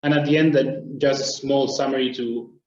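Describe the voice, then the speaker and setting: A man from Argentina, presenting a webinar in a steady, explanatory way. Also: mid-range voice, moderate pace, roomy sound, dull audio, a little hiss or hum. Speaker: traffic planner presenting.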